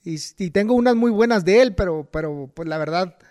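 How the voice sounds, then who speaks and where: A man's voice: high-pitched, lively intonation, fairly quick, darkish tone. A man with a Mexican accent in casual chat, often repeating words as he talks.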